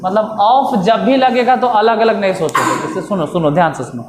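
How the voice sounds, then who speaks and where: A man's voice: sits high, normal speed. A man with a Bihari accent teaching a classroom grammar lesson, coaxing and repetitive, often calling his students to listen. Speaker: English teacher. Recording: echoey room with faint ambient noise.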